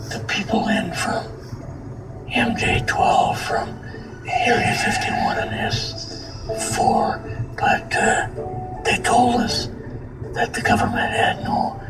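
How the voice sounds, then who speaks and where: Speaking in a weak, whispery voice that sits high, an old man haltingly recounts his years in government service during an interview, pausing at length. Loud music plays over the roomy, distantly miked recording.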